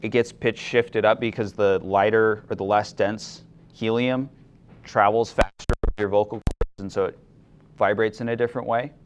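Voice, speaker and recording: A young man teaching a chemistry class, explaining things in a relaxed way and asking students questions. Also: fairly low pitch, moderate pace, slight background noise. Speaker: chemistry instructor. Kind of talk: classroom lecture.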